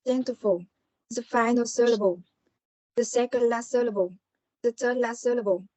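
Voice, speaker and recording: A woman student presenting on word stress, reading examples slowly, one word at a time. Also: on the high side, mellow, dry recording, low-quality recording.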